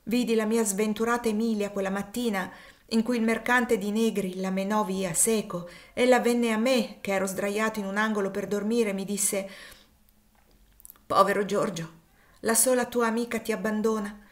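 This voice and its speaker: A woman's voice: medium pitch, fairly even intonation, normal speed, close to an everyday voice. A woman reading the part of an impassioned young male fugitive, grieving and defiant, with rising, emphatic outbursts in an audiobook.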